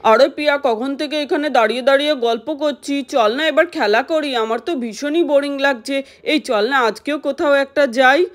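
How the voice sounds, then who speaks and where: A woman's voice: high-pitched, moderate pace, natural voice. A woman voicing a restless, bored little child who pleads to go and play in a doll cartoon. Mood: whiny.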